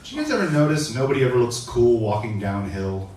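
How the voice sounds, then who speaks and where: A man in his forties performing a stand-up set, deadpan stories broken by shouted bits. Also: mid-range voice, fast. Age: 40s. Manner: deadpan storytelling with shouted bursts for voices. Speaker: stand-up comedian. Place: comedy club stage. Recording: echoey club from far off, noisy. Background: audience laughter.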